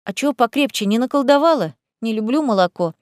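A woman's voice: fairly high pitch, expressive, brisk, no echo, clean studio sound, close to an everyday voice. A woman voicing Cornelia, a sly teasing cat familiar. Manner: lazy, teasing, mocking. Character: sly, greedy young female cat familiar. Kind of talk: audiobook character voice.

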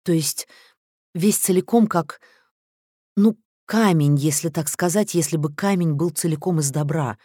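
Man doing a shaky young woman, higher voice, halting and fragile, slow. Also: mellow, no room sound, clean studio sound. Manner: hesitant, halting, trembling. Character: distraught young woman chess player, fragile and tearful.

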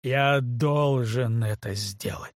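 A man voicing a broken young man who stammers and speaks slowly in an audiobook. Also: no echo, studio quality, lightly acted. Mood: grim. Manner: stammering, slow and low.

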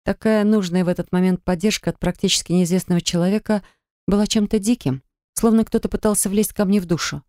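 Woman narrating with a mellow voice. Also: medium pitch, fast, no room sound, clean studio sound. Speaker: audiobook narrator. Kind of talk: first-person audiobook narration.

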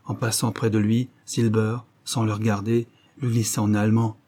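Deep dark-voiced male audiobook narrator. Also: level tone, moderate pace.

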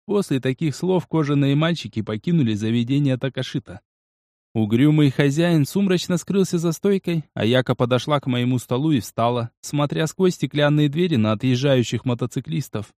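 A man's voice: mid-range voice, normal speed, darkish tone, no echo, clean studio sound. Man reading his own novel. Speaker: author reading his book. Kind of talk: audiobook narration.

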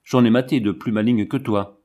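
A man's voice: mid-range voice, steady tone, normal speed, mellow, natural voice. A man reading the part of a hard, scheming older woman who speaks in a stern, solemn way in a storybook reading.

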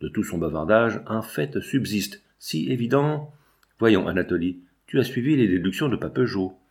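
A man's voice: fairly low pitch, animated, normal speed, gravelly, darkish tone. A blunt, wealthy factory owner, as a male reader puts him on. He answers shortly and dismissively, sure of his own interests. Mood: reasoning. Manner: curt, dismissive.

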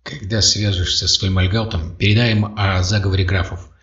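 A determined young hero speaks with firm resolve, voiced by a male audiobook reader. The low voice is heard at a distance. The audio is dull and carries room echo. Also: fairly even intonation, fairly quick, fairly bright tone. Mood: resolute. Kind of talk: audiobook character voice.

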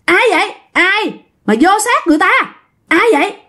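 A woman voicing a shouting, demanding aunt. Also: very high voice, expressive, normal speed, pitched above the performer's own voice, full character voice. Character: angry middle-aged aunt shouting, pounding a table.

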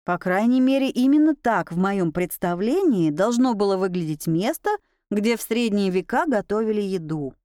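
A woman narrating a first-person audiobook in a lively, expressive way. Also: medium pitch, moderate pace, hardly any pauses, no echo, clean studio sound.

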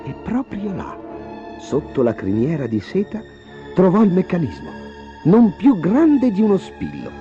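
Male storybook narrator, dramatic and expressive, warm tone, lo-fi recording. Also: high-pitched, unhurried, soft background music. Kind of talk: storybook reading.

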